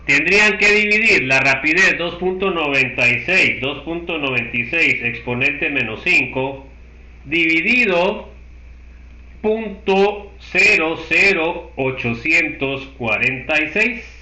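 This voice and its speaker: A Guatemalan man gives a university chemistry lecture in a fairly high, expressive voice, taking his time. He explains each step and keeps confirming the class follows, amid background noise in an echoey room.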